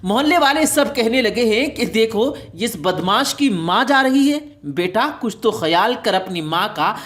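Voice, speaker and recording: A woman's voice: a little high, lively intonation, fairly bright tone. A woman voicing a grieving old mother in a storybook tale, who scolds and pleads through tears. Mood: pleading.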